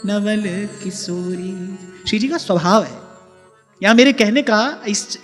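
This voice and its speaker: Casting: high-voiced male preacher, expressive devotional delivery, reverberant hall, faint music behind. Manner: expressive, shifting between explanation and slow recited verse. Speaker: spiritual preacher. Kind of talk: devotional discourse with chanted verses.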